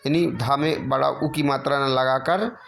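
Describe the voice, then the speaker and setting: A man teaching spelling corrections, slowly dictating and repeating each word. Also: mid-range voice, steady tone, gravelly, a bit bright. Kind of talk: spelling lesson.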